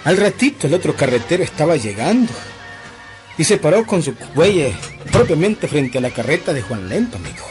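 A man telling a comic folk tale in a folksy manner, addressing the listener as a friend. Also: fairly high pitch. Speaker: storyteller.

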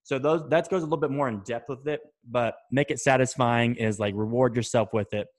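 A man's voice: mid-range voice, fairly even intonation, fairly quick. A young man talking casually to camera, giving habit advice, loose and chatty, swearing now and then and checking in with "right?" and "okay?". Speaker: self-improvement vlogger.

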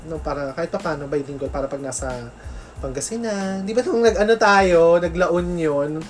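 A woman from the Philippines in casual chat as co-host, chatty and quick to laugh, mixing English into her talk. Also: on the low side. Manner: chatty, laughs often, mixes English into Tagalog. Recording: music playing behind.

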